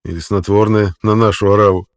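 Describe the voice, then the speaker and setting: A man's voice: fairly low pitch, steady tone, brisk, lightly acted. A man doing a curt squad commander. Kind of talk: audiobook character voice.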